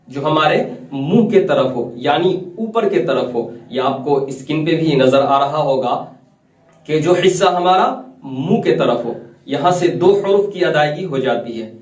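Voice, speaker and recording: A man's voice: fairly high pitch, echoey room, distant mic. A man teaching Quran recitation step by step, repeating points, quizzing his listeners and stretching out letter sounds to show them. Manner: repeats key points and asks the class questions, then answers them; drawn-out demonstrations of letter sounds. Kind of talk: step-by-step tajweed lesson.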